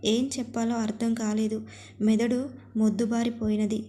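A woman's voice: fairly high pitch, completely flat delivery, normal speed, mellow. A woman narrating a family story in the first person, reading the quoted dialogue in her own voice.

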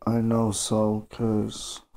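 A man talking to his phone camera at home in a rambling, mumbling casual monologue, halting with fillers. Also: lowish voice, monotone, mellow. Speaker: vlogger. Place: at home indoors. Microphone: phone camera close up.

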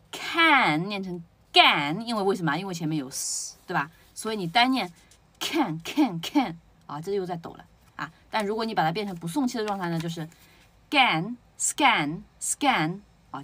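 A woman gives a spoken pronunciation lesson, her pitch rising and falling with plenty of movement. Her voice carries a slightly husky grain as she explains each point and checks in with rhetorical questions. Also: fairly bright tone. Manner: explains step by step, asks rhetorical questions, drills words aloud. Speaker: English pronunciation teacher.

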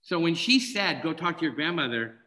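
A man's voice: on the high side, moderate pace, low-quality recording. A middle-aged man, a film director and guest, speaking casually over a video call and acting out dialogue as he tells stories. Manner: animated, acts out dialogue in anecdotes. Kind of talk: casual storytelling.

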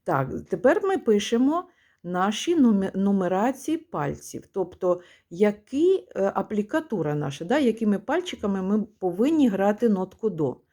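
A woman music teacher giving a one-on-one lesson, patiently prompting her pupil and chanting rhythms slowly. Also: mid-range voice, sing-song, warm tone.

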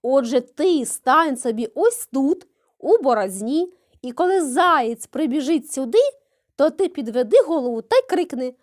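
Woman doing a sly unhurried hedgehog. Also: high voice, lively intonation.

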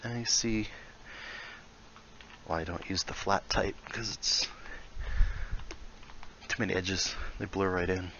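A man casually explains how he builds in a VR game as a tutorial creator, thinking aloud and muttering small asides. His low voice is steady, bright and forceful, slow with frequent pauses, on a lo-fi recording with a little hiss or hum.

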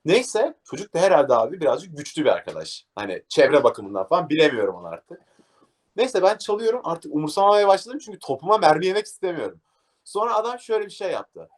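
A young man, a DJ, talking casually in an interview and acting out a story with lively energy. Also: on the high side, quick pace. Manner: animated, acts out scenes, says "abi" a lot. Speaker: DJ guest.

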